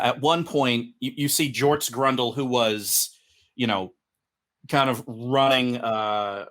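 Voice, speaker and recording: A man's voice: mid-range voice, a bit bright. A man narrating a tabletop role-playing game as game master, talking in a loose, rambling way with many fillers.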